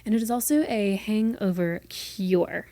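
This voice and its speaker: Mellow and mid-range, with no echo, this is a North Carolina woman in her twenties hosting her own casual podcast from her room. She's playful and chatty, talks quickly, and her mostly neutral American speech occasionally carries a light Southern lilt.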